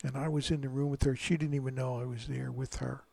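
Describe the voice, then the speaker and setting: A man, a priest, reading the Gospel dramatically and preaching, dropping to hushed whispers at moments of feeling. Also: medium pitch, flat delivery, fast talker, creaky, dry recording.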